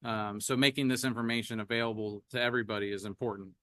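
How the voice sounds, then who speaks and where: A man's voice: lowish voice, steady tone, fast, a bit bright, no room sound. A man giving a presentation at a community workshop, speaking with frequent fillers and hesitations. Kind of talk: presentation talk. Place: meeting room.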